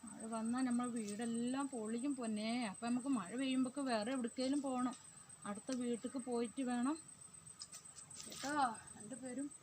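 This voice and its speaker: A woman's voice: on the high side, darkish tone, low-quality recording. A woman playing mother to her dolls, talking in fond, coaxing, motherly chatter. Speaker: vlogger. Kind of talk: pretend play, mothering dolls. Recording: clear background noise.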